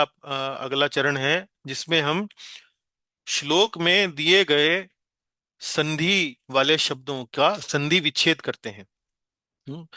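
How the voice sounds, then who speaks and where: A man with a fairly high, bright voice teaches an online verse class. He explains patiently, pausing often, and draws out the Sanskrit words when he chants them. The sound is dry and close. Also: dry recording. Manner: slow, patient explaining with many hesitation sounds.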